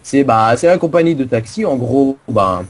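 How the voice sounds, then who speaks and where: A man talks through a game server in casual commentary, his pitch sitting right in the middle of the male range. He rambles and pokes fun at himself as he explains. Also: expressive, moderate pace. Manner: rambling, self-mocking explanations. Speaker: co-host giving a game server tour.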